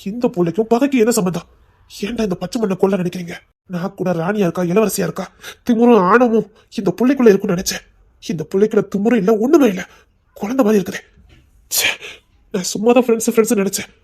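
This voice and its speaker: A man's voice: high-pitched, quick pace, darkish tone. A man in a Tamil audio drama voicing a remorseful husband and worried family man who speaks earnestly and pleads. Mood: resolute. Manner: pleading, earnest, heavy with regret.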